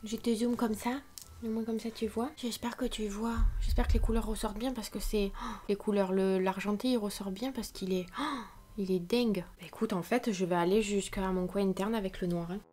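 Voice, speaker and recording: A woman's voice: mid-range voice, steady tone, brisk, mellow. A woman giving a casual, chatty makeup tutorial, talking to the viewer as she works and grumbling at small mishaps. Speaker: makeup vlogger.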